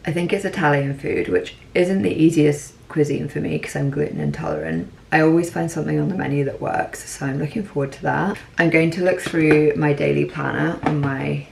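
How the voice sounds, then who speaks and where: A woman in her late twenties from Scotland, chatting casually and warmly to viewers in a day-in-the-life vlog, recorded at home. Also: deep voice, expressive, fairly quick, gravelly, few pauses, slight background noise. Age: late 20s. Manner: chatty, friendly, talks straight to viewers. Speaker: lifestyle vlogger.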